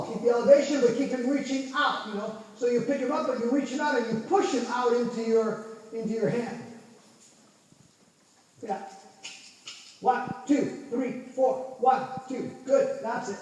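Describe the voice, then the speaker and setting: In a big indoor arena, a man with a very high, darkish voice coaches a riding lesson, shouting brief encouragement and counts. The camera sits far away at the arena's edge, so the sound is echoey and distant with slight noise.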